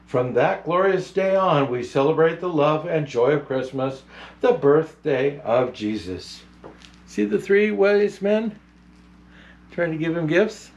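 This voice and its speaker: Voicing a kindly old Santa, a man reads a children's picture book aloud in an unhurried, grandfatherly way, his pitch very animated.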